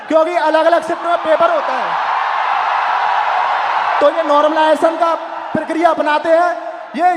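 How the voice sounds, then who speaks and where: A young man speaks publicly as an exam aspirant, his voice raised and very high. He presses his grievances insistently, point after point. The sound rings through a large hall with some crowd and background noise. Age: young adult. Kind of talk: impassioned public testimony.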